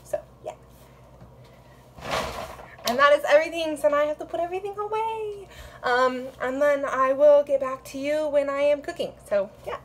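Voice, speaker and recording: A woman's voice: high-pitched, normal speed, long pauses. Young woman vlogger, chatty and rambling, phone mic in a home kitchen with faint hiss. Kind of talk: casual vlog chat. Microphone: phone camera.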